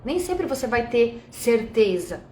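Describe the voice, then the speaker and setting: A woman's voice: a little high, sing-song, a little slow, warm tone, reverberant, a little hiss or hum. A woman from Brazil teaching a mentoring group live, chatty, addressing viewers directly and reading their comments aloud.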